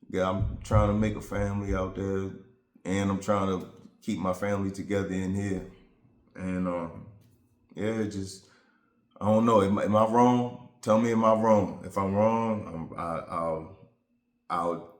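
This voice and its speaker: A man with a fairly low voice talks straight to his viewers in a casual vent. His manner is earnest and reflective, and he drifts from thought to thought. The room around him has a noticeable echo. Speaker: vlogger.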